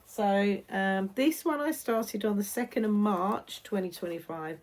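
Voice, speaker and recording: A British woman hosts a vlog in a casual, chatty way. Her pitch sits in the middle and her pace is slow. She tends to repeat phrases for emphasis. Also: darkish tone. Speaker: host of a needlework vlog. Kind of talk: casual chat.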